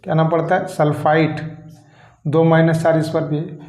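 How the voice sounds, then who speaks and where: Male chemistry teacher, slightly high voice, quizzes and answers himself, roomy echo. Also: level tone, moderate pace, a little mellow. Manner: asks questions and answers them himself, repeating key terms. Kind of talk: classroom lecture.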